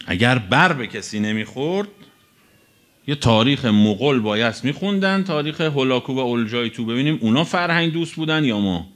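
A male preacher delivers an animated sermon straight to his congregation, his voice sitting at a middle pitch. He slows right down to stress key words, then speeds up for quick side remarks. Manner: animated, swinging between drawn-out emphasis and quick asides. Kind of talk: religious sermon to a live audience.

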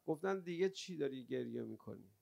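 A male preacher telling a religious story in a sermon, rising from quiet storytelling into loud, lamenting cries. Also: mid-range voice, lively intonation, creaky. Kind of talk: Shia mourning sermon.

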